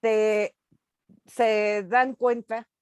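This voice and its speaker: Slow-talking teacher, woman. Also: fairly high pitch, little pitch movement, smooth, dry recording. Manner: slow, explanatory, with fillers. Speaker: literature teacher. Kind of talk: online class discussion.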